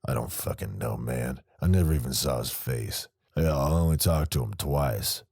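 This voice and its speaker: A man's voice: extremely low pitch, normal speed, creaky, darkish tone, breathy edge, dry recording, studio quality, pitched below the performer's own voice, full character voice. A man voicing a crude, menacing male small-time criminal in an audiobook, swearing and sneering. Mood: defensive. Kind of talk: audiobook character voice.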